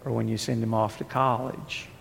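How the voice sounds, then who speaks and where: A man preaching a sermon, moving from hushed, tender passages to rising, forceful declarations. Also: medium pitch, flat delivery, moderate pace, gravelly. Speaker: pastor. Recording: long hall reverb with faint noise.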